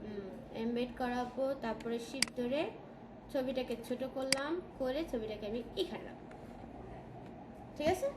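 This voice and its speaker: Female tutor with a Bangladeshi Bengali accent, high pitch, quizzes the class as she goes; roomy recording with audible noise. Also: fairly even intonation, normal speed, pauses often. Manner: checks in often with questions to students. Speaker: design tutor. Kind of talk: classroom software lesson. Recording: echoey room with background noise.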